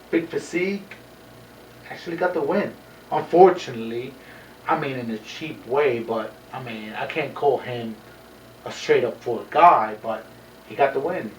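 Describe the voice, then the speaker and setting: A man co-hosting a wrestling show, brash and boastful, dropping Spanish phrases into his talk. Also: on the high side. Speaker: wrestler and co-host. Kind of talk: boastful wrestling promo chat. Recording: echoey room, distant mic, faint noise.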